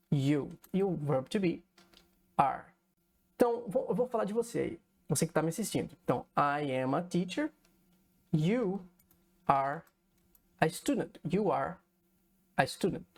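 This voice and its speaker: A man's voice: a little high, darkish tone. Patient Brazilian man teaching a lesson. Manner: patient, explains slowly, checks in with frequent "né?" and "certo?". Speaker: English teacher. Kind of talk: recorded online lesson. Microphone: computer recording.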